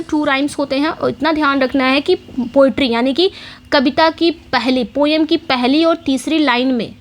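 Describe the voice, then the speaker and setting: A woman teaching English literature for exam preparation, explaining in Hindi mixed with English terms, often asking quiz questions and repeating the key points. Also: high voice. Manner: reads English question text slowly. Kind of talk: exam-prep lecture.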